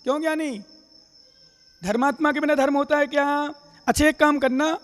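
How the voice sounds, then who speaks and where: A man's voice: extremely high pitch, steady tone, normal speed, fairly bright tone, long reverb tail, soft background music. A man, a monk, giving a sermon, who questions his listeners directly and acts out everyday quarrels to make his points. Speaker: Jain monk giving a discourse.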